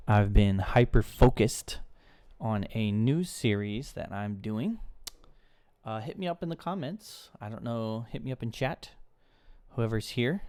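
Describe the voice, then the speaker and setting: A man's voice: medium pitch, darkish tone. Chatty young man live-streaming. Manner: loose, rambling, chatty with viewers. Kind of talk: casual live-stream chat. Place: indoors at a table, eating snacks.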